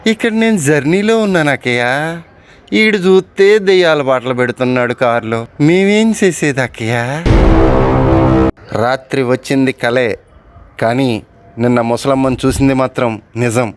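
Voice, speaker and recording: A man's voice: mid-range voice, moderate pace, long pauses, clear, resonant tone, faint music behind. A man telling a story from a diary, breaking off now and then to talk back to its writer. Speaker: storyteller reading a diary aloud. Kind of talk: storytelling narration with spoken asides.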